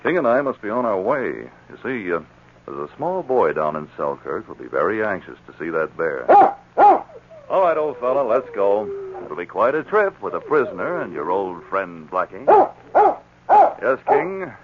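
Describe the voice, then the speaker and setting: A man's voice: on the low side, sing-song, moderate pace. A man acting in a 1940s radio drama as a commanding, upright Mountie sergeant, firm and authoritative. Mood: confident, kindly. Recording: dull 1940s radio recording, faint noise.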